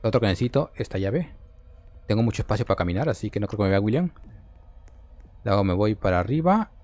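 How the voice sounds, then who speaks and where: A man's voice: on the low side, expressive, fast, a little mellow. A man giving casual let's-play commentary, talking to the game character and to his viewers as he plays. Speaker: gaming video creator.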